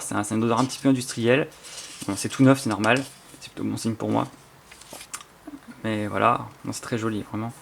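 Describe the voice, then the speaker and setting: A man with a French accent talks through an unboxing in a rambling, enthusiastic way, full of fillers and restarts. His voice has a gravelly, creaky edge, and faint noise hums underneath. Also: mid-range voice. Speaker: YouTuber presenting his book collection. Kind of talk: casual spontaneous unboxing chat.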